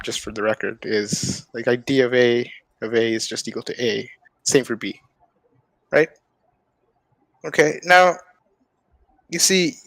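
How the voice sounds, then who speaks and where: Speaking through a video call mic, a young man who studies math and is a guest speaker lays out ideas casually, filling gaps with hedging words and checking in with "right?". His mid-range voice is a bit bright, with no echo but poor audio.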